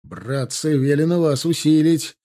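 A man's voice: on the high side, a little slow, mellow, voice pushed up, natural voice. A man reading as a seasoned veteran soldier. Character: veteran male soldier, calm storyteller. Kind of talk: audiobook character voice.

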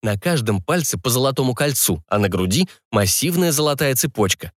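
A man narrating a fantasy audiobook in the first person, with an animated, wry way of telling it. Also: mid-range voice, a little fast, dry recording, clean studio sound.

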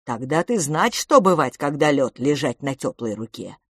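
A woman's voice: rumbling low, very animated, moderate pace, slightly rough, dry recording, studio quality, full character voice. A woman voicing a cheerful, hungry male cave creature who speaks in broken grammar, eager and sing-song. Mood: worried.

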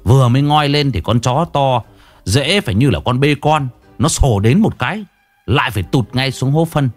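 A man's voice: mid-range voice, lively intonation, moderate pace, soft background music. A man narrating a comic village story in a vivid storytelling manner.

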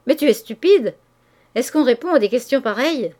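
A woman's voice: on the low side, expressive, fairly quick, darkish tone, lightly acted. A woman voicing a disdainful young wife who brushes off her husband curtly, in an audiobook of a classic novel. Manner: dismissive, curt.

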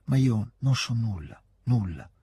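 A man's voice: mid-range voice, animated, unhurried, warm tone, slightly rough, full character voice. A man reading the lines of a young noblewoman, pleading and ashamed, who repeats her words brokenly.

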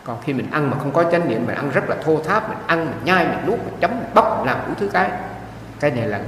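A man gives a lively, storytelling dharma talk. His voice sits a little high. It rings with a long hall reverb, as if recorded from across the room. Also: fairly quick, a little hiss or hum. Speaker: monk interpreting a dharma talk. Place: meditation hall. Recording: echoey hall from a distance.

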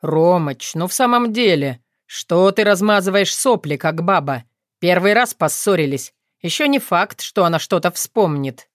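A sarcastic young joker, played by a woman reading aloud, teasing and mocking his friends. Her low voice is recorded dry and close. The figure comes from a storybook reading. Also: expressive, a little slow, no echo.

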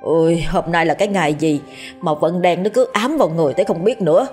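A woman's voice: fairly low pitch, fast, a little mellow, soft background music, lightly acted. A woman voicing a timid young village man who grumbles and pleads. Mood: grumbling. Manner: whiny and pleading.

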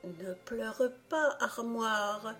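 A shy old box bed murmurs its secrets in a small, hushed half-whisper, as a woman reader puts it on. The pace is slow and the tone mellow. Faint music sits behind the voice. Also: medium pitch. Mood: tender.

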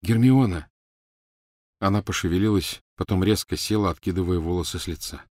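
A man narrating a storybook in an expressive reading. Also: deep voice, quick pace, no room sound, studio quality. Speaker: reader. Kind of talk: audiobook narration.

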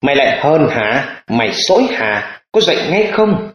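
A man's voice: medium pitch, sing-song, normal speed, reverberant, highs cut off, natural voice. A man voicing a cruel, cursing middle-aged stepmother in an audiobook, scolding and hissing. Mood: furious.

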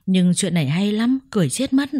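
A woman's voice: mid-range voice, lively intonation, fairly quick, warm tone, slightly rough, dry recording, studio quality. A woman voicing a chatty, gossipy woman in a spoken story, eager to pass on news.

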